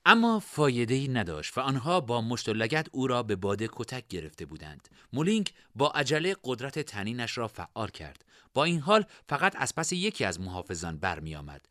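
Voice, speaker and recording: A man narrating a fantasy story in expressive storytelling style. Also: mid-range voice, dry recording, clean studio sound.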